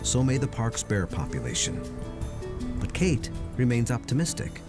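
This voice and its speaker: A man's voice: medium pitch, wildly swooping pitch, normal speed. A man reading scripted narration for a nature documentary. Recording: loud music behind narration. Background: music.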